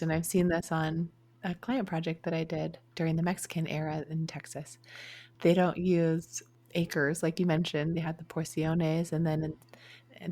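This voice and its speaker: A woman co-hosting a genealogy podcast, explaining history in a measured, thinking-aloud way. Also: on the low side, a little mellow. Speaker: podcast co-host. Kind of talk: conversational podcast discussion.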